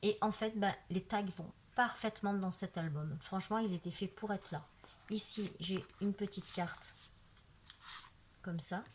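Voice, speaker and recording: A woman's voice: medium pitch, a little slow, slight background noise. A woman casually showing off a handmade craft album, chatting as she turns each page and filling her talk with "voilà" and "euh". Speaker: craft video maker. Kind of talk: casual craft show-and-tell. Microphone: camera on a tripod.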